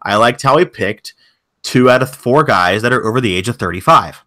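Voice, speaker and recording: A man co-hosting a laid-back podcast, steering the conversation from one item to the next. His voice is bright and forceful, and his asides are dry and sarcastic. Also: medium pitch, animated, a little fast, a little hiss or hum. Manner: wry, news-segment leading, with sarcastic asides. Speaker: co-host. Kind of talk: casual podcast chat.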